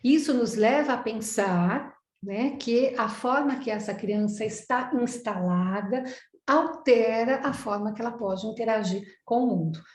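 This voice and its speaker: A middle-aged Brazilian woman with a Brazilian Portuguese accent lectures professionals online as a psychoanalyst, using a video call mic in an echoey room. Her voice is on the high side and measured, and she builds her explanations step by step, answering her own questions.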